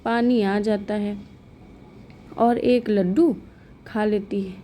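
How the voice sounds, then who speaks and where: A woman narrating a scripted moral story in a calm, even storytelling manner. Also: mid-range voice, slow, a little hiss or hum.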